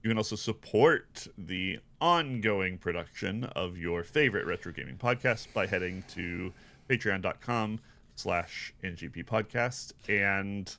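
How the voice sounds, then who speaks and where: Low-voiced man in a radio announcer voice. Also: unhurried, a bit bright. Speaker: podcast co-host. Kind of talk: casual podcast chat, reading supporter shout-outs.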